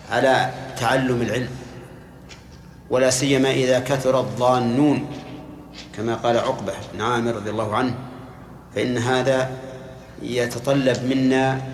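A man, teaching a religious lesson in a measured, explanatory way and quizzing his students. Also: mid-range voice. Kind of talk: lecture explaining hadith to students. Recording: echoey lecture hall, faint hum.

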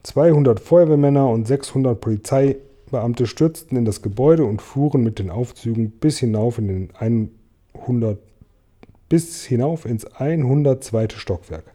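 A man reading a children's story aloud with lively, expressive narration. His voice is very dark and mellow, and his pitch sits in the middle range. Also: moderate pace. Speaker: audiobook reader.

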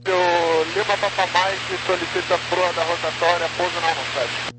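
High-voiced Brazilian man on noisy two-way radio. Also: steady tone, normal speed. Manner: clipped procedural phrases with phonetic call signs. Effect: two-way radio transmission. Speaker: pilot. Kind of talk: aviation radio communication, police-radio manner. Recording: noisy, hissing cockpit radio link.

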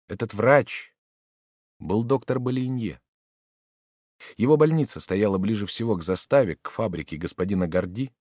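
A man reading a classic novel aloud in unhurried, even storytelling narration. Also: fairly low pitch, dry recording, clean studio sound. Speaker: audiobook reader.

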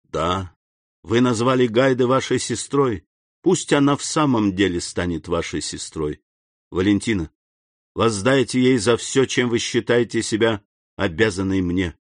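A man reading aloud and voicing a grave, restrained nobleman who speaks low and solemnly. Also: a little slow, no room sound, studio quality, natural voice.

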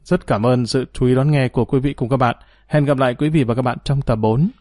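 A man reading a serialized story aloud in a calm, measured, formal storytelling manner as the program's host. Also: medium pitch, dry recording, clean studio sound. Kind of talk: scripted story narration.

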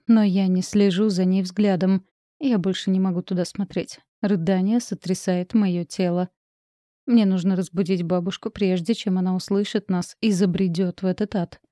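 A woman narrating a first-person story in a measured, tense audiobook reading. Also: fairly low pitch, mellow, no room sound, studio quality.

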